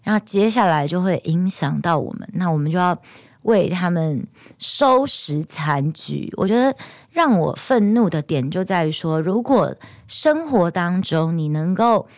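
A woman hosting a podcast alone, with a hoarse voice and a Taiwanese Mandarin accent, telling a story with indignant, animated energy. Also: fairly low pitch, a little slow, no echo, studio quality. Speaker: podcast host. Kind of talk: casual podcast monologue.

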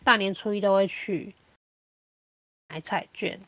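A woman with a Taiwanese Mandarin accent, chatting casually as a podcast host and telling things in an animated, colloquial way. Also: medium pitch, normal speed, no echo. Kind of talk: casual chat.

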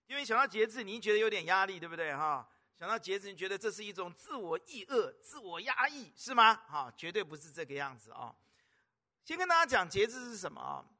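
A male pastor preaching a lively sermon, exclaiming and telling stories. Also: high-pitched, fast. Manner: animated, exclaiming, storytelling.

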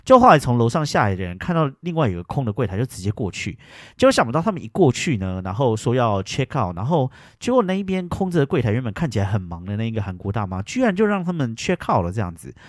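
Fast, animated man telling stories. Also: medium pitch, no echo, clean studio sound. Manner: animated, retells arguments with bursts of loud indignation. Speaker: podcast host. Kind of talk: casual storytelling.

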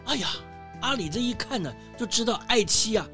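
A woman narrating a children's story in a lively voice, full of exclamations. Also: fairly high pitch, a little fast, faint music behind.

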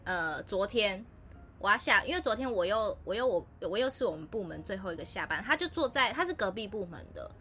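A woman with a Taiwanese Mandarin accent, co-hosting a podcast in casual chat, telling animated stories and acting out quotes. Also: mid-range voice, a little fast, a little hiss or hum. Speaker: podcast co-host.

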